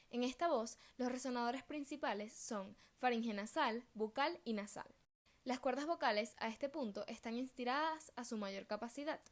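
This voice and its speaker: Young woman reading a school presentation. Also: fairly high pitch. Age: young adult. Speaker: student presenter. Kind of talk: read-aloud research presentation.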